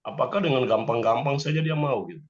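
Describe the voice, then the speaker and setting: A man's voice: mid-range voice, animated, quick pace. A man politely probing the guest with follow-up questions. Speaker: participant asking questions. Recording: dull lo-fi call audio.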